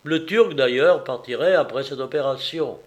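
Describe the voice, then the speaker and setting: A man narrating a novel aloud in a measured, even reading voice. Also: medium pitch. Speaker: audiobook reader.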